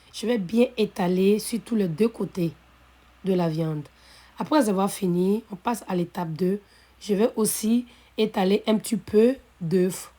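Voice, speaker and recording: A woman hosting a cooking video, calmly narrating each recipe step, her voice a little hoarse from being ill. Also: medium pitch. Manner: calm, methodical, repeats set phrases. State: slightly hoarse from illness. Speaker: cooking channel host.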